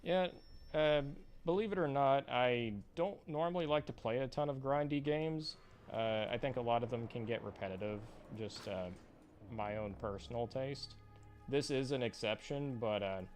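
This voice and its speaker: A man chats casually while playing on stream, relaxed and rambling with plenty of fillers. His voice sits at a middling pitch. Game music plays clearly behind him. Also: moderate pace. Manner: relaxed, chatty, frequent "uh" fillers. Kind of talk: casual chat while gaming.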